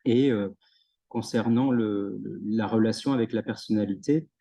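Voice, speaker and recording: A young man answering jury questions at his thesis defense, pausing often with fillers and restarts. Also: lowish voice, warm tone, low-quality recording. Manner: hesitant, many fillers and restarts. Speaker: PhD candidate defending thesis. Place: university room in a Zoom recording.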